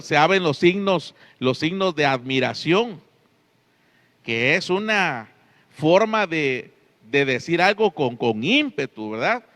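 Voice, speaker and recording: A man's voice: a little high, fairly bright tone. A man preaching a Sunday sermon as pastor, stressing key words and often asking his listeners "right?". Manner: emphatic, drawing out key words, frequent tag questions.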